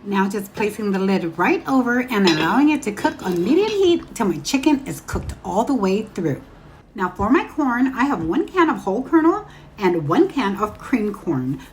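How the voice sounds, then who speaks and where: A woman's voice: medium pitch, very animated, normal speed, a little mellow, slight background noise. A woman from Guam hosting a home cooking show, narrating a recipe in a chatty, instructional way and speaking straight to viewers.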